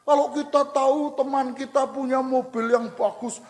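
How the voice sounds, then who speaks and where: An older Indonesian pastor preaching a sermon in a church, lively and acting out gossiping churchgoers in mocking asides. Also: male voice, extremely high pitch, normal speed. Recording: old cassette tape recording in a reverberant church.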